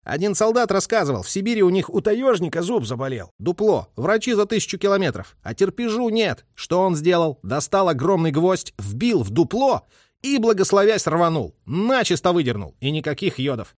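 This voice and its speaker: An irritable army officer with a toothache, shouting and cursing in a high, swooping voice, as a male narrator puts him on. The voice is dry and close to the mic. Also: very animated, moderate pace, no room sound. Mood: grumbling. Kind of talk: audiobook character voice.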